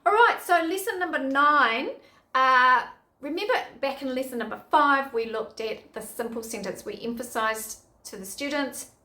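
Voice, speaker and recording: A woman's voice: high-pitched, normal speed, bright, forceful tone, roomy sound. A middle-aged woman, giving upbeat, chatty teaching tips to other teachers. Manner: chatty, upbeat, self-correcting.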